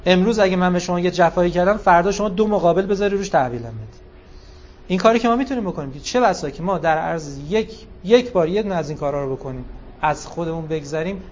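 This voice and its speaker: Male preacher, higher voice, lively storytelling emphasis, dull lo-fi recording with faint hiss. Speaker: religious speaker. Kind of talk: sermon with storytelling.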